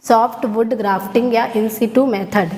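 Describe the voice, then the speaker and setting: A woman teaching a class, explaining step by step and checking often that her students follow, dictating some lines slowly. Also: fairly high pitch, fairly even intonation, darkish tone, echoey room, long reverb tail. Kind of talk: classroom lecture.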